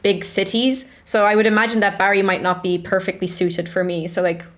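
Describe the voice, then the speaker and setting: A woman's voice: medium pitch, flat delivery, fairly quick. A young woman hosting a casual student interview, chatty and full of "like" fillers.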